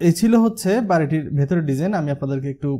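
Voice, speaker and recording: A man's voice: a little high, animated, very fast, warm tone, a little hiss or hum. A man from Bangladesh, a house designer, walking viewers through a house plan, with a verbal filler he uses again and again. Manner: walkthrough explanation with the filler হচ্ছে used often. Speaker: house designer presenting his channel. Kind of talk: explaining a house design over a 3D model.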